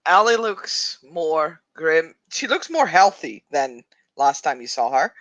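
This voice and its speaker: A tabletop game player describing their character hesitantly, with many pauses. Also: mid-range voice, big pitch swings, a bit bright, no room sound, low-quality recording. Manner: hesitant, filler-heavy.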